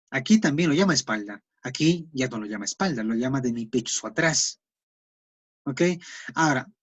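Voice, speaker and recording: A man's voice: a little high, no echo. A man, teaching a recorded class lecture in an explanatory way, full of fillers and tag questions. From Peru.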